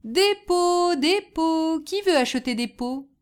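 Woman playing a greedy envious peasant man, blustering, shouting, lively. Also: a little high, a little fast. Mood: hawking.

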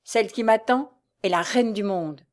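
A woman voicing a calm, mysterious male nobleman with a cool, measured way of speaking. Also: mid-range voice, natural voice.

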